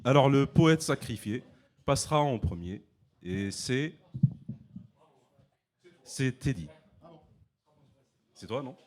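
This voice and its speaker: Relaxed man hosting a slam night. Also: medium pitch, slow pace, pauses often. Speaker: slam event host. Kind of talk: live event hosting. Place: live slam venue with audience.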